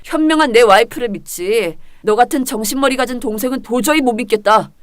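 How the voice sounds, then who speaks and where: A woman voicing an angry older brother who talks gruffly and coldly. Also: fairly quick, dry recording, natural voice. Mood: contemptuous. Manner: gruff, cold, lowered voice.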